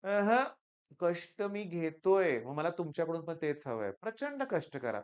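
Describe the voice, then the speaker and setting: Man, 40s, Marathi accent, tired teacher, earnest reassuring talk, smooth resonant voice, dull lo-fi sound. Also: on the high side, sing-song, a little slow. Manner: earnest, reassuring, repeats "okay?" often. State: tired, voice weaker than usual. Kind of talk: motivational talk to students.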